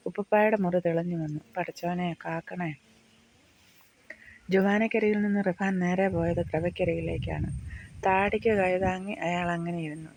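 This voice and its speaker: An audiobook narrator reading a novel in a steady, even manner. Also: mid-range voice, creaky.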